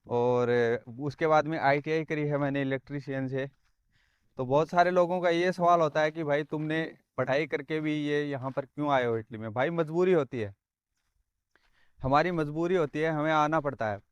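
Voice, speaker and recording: A man's voice: on the high side, moderate pace, clean tone, no echo, dull audio. A young man from Rajasthan, talking earnestly in a casual vlog and often calling the viewer "brother". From Rajasthan, India. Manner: earnest, repeats phrases, says "bhai" often. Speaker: vlogger.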